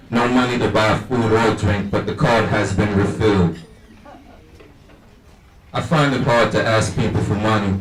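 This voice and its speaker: A young man reads his personal memoir piece aloud at a writers' gala, in an earnest, plain-spoken way. His voice sits a little low. He is picked up from far off in a roomy, echoing hall. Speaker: student reader at a writers' gala. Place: large event hall. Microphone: far from the recorder.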